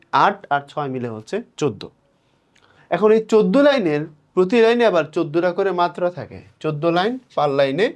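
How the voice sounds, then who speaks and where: A young man teaching an exam-prep lesson, explaining patiently and counting out syllables slowly. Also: on the high side.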